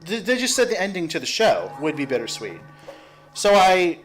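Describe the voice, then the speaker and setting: A man giving casual, chatty commentary over a video game, talkative and jokey with excitable outbursts. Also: sits high, normal speed, faint music behind. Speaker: gameplay commentator. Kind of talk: casual let's-play commentary.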